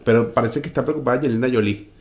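A man's voice: mid-range voice, rapid-fire, a little mellow. A Venezuelan man in casual podcast chat, a talkative, joking storyteller.

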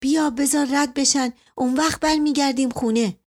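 A woman voicing a secretive village man who urges in a hushed way. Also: high voice, steady tone, pitched above the performer's own voice, close to an everyday voice. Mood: urgent.

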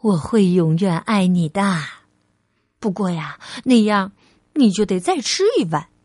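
Woman playing a gentle patient mom, soft reassuring lowered voice, unhurried, dry close sound. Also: animated, no room sound. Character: patient loving mother, calm and gentle.

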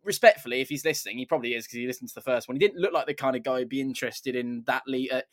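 An English man co-hosting a football podcast, teasing and animated as he tells stories. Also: mid-range voice, rapid-fire. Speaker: podcast co-host. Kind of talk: casual football podcast chat.

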